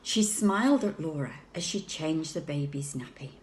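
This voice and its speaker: A woman reading a children's book aloud with expressive, sing-song storytelling. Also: low-pitched, moderate pace, a little hiss or hum. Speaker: reader.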